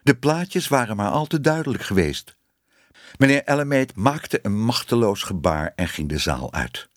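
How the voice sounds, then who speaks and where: Male audiobook narrator, very animated pitch, dry close recording. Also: normal speed, dry recording. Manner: expressive storytelling voice. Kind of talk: audiobook reading of a children's story.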